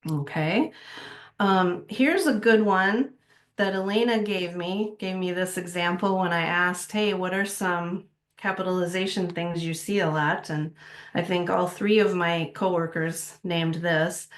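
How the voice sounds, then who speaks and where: A woman with a fairly low voice, talking through writing rules as an editor. She speaks in a relaxed, conversational way and thinks aloud as she explains. It sounds like a casual teaching talk. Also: unhurried. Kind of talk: casual presentation.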